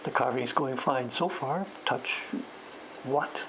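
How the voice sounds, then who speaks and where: Carving as he livestreams, a woodblock print artist tells a rambling story, chuckling and poking fun at himself in casual chat. He talks slowly at a medium pitch over background noise.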